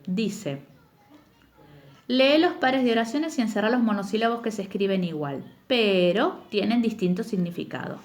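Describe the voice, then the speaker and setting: Young woman teacher, animated patient delivery for a remote class. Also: medium pitch. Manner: slow, emphatic spelling-out of words for children. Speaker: primary school teacher. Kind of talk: recorded remote lesson, explaining exercises.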